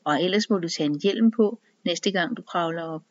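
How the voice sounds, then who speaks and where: A woman reading the lines of a calm, advising male doctor in a hare costume. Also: on the low side, muffled recording, lightly acted.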